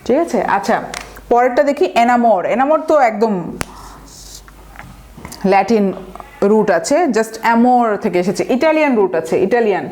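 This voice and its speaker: Young woman tutor going over vocab words, kinda high voice, asks then answers herself. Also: lively intonation, darkish tone, slight background noise. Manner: explains step by step, asks and answers own questions; reads example sentences slowly and deliberately. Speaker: teacher. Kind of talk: vocabulary lecture.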